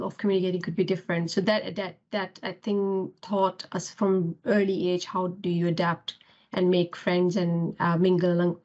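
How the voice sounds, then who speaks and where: A woman's voice: fairly low pitch, a little mellow. A woman from Pakistan, a podcast guest reflecting earnestly on her upbringing and career in conversation. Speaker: podcast guest, cloud architect. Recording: dull lo-fi podcast audio.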